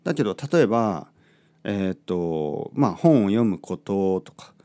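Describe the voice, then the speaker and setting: Lively rambling man with a mellow voice. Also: low voice, a little slow. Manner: rambling, self-interrupting, lively. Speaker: podcast host. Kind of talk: casual monologue about Japanese language.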